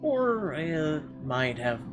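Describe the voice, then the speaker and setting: A man in a let's play reads a visual novel's text expressively, with casual asides, as guitar game music plays. His voice is a little high and very animated, but he speaks very slowly.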